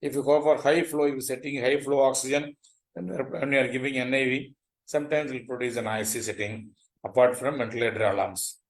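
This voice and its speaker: Male medical lecturer, South Indian accent, mid-range voice, polite and halting webinar delivery. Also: medium pitch, fairly even intonation, low-quality recording. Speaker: doctor giving a medical lecture. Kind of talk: webinar lecture and question answering.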